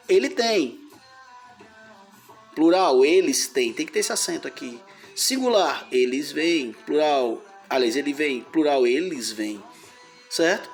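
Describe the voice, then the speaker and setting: Male teacher explaining syllables. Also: high voice. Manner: explains step by step, repeating words and splitting syllables. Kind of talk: grammar lesson.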